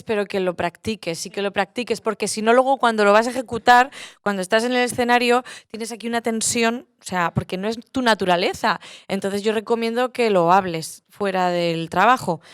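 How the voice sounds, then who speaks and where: A woman's voice: mid-range voice, smooth, no room sound, clean studio sound. A woman, a musical theatre actress, earnestly advising students on a panel.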